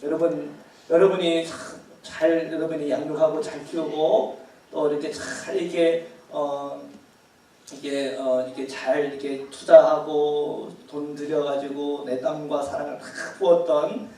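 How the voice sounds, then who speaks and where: A man's voice: fairly high pitch, level tone, a little slow, mellow, heavy reverb, distant mic, slight background noise. A man preaching as pastor at a Bible study, talking casually with the congregation, asking them questions and laughing often. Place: church hall.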